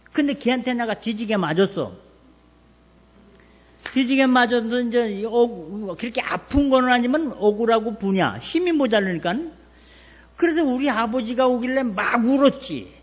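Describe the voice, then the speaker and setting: An older pastor, preaching a revival sermon in a folksy storytelling way, asking the congregation questions. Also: male voice, extremely high pitch, lively intonation, moderate pace.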